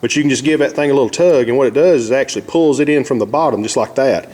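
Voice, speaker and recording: A man's voice: mid-range voice, very fast, a little mellow. A man with an Arkansas Southern accent giving a casual, folksy, plain-spoken how-to demonstration as host of a fishing vlog. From Arkansas, United States.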